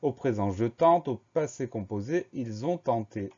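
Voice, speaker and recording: A man teaching a French spelling lesson, slowly spelling each word letter by letter and explaining the grammar. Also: medium pitch, expressive, mellow, breathy edge, muffled recording. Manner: slow, methodical, spells words letter by letter.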